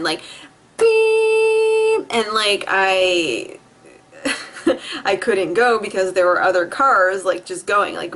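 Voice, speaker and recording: A woman's voice: medium pitch, a bit bright, slight background noise. A young woman from New Jersey talking to her camera at home in a rambling, profane vlog, laughing often and acting out her own quotes. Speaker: vlogger. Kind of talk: rambling personal vlog monologue. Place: indoors at home. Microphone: camera facing the speaker.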